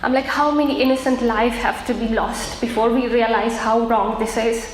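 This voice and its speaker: A woman from Afghanistan giving an earnest personal testimony, pausing often with fillers. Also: a little high, steady tone. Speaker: testimony speaker. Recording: echoey room with faint noise.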